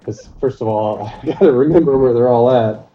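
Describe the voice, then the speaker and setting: A man's voice: mid-range voice, normal speed. A man chatting casually as a player guest. He sounds distant and echoey, muffled as if through a wall, and talks in a laid-back, rambling way full of fillers. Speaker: player guest on a race stream. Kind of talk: casual chat. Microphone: far from his mic on a voice call.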